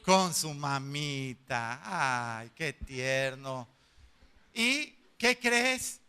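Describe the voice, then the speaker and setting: A man with a Mexican accent, a pastor giving a sermon, telling lively, humorous stories and acting out the dialogue of the people in them. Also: mid-range voice, drawn-out words, clear, resonant tone. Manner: animated, acts out dialogue of the people in his stories.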